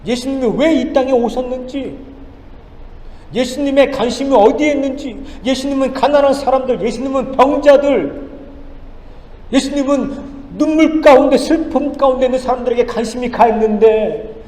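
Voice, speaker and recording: A male pastor preaching a sermon, firing off rhetorical questions and swinging between loud and hushed lines. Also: very high voice, normal speed. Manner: emphatic, rhetorical questions, dramatic swings in loudness. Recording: echoey church hall with faint ambience.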